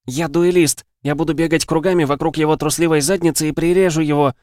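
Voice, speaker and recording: A man reading an audiobook, voicing a hot-headed young woman duelist who snaps and shouts. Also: on the high side, fairly even intonation, fast, dry recording, studio quality, voice pushed up, natural voice. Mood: furious. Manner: snapping, shouting.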